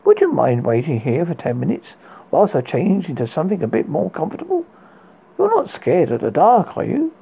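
Horror host guy doing a sly goth girl, knowing and teasing, husky, pitch all over the place. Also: wildly swooping pitch, moderate pace, highs cut off, heavily acted. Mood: coy. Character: sly young goth woman, secretly a werewolf.

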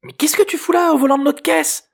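A man's voice: on the high side, pitched above the performer's own voice, close to an everyday voice. A man reading an audiobook voices a foul-mouthed fifteen-year-old girl with cheeky, slangy talk. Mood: panicked, indignant. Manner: slangy, cheeky, quick to swear. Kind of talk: audiobook character voice.

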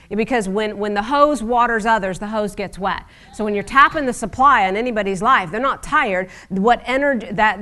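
A woman's voice: medium pitch, bright, forceful tone. A middle-aged woman preaching a sermon in a conversational, wry teaching manner with frequent asides.

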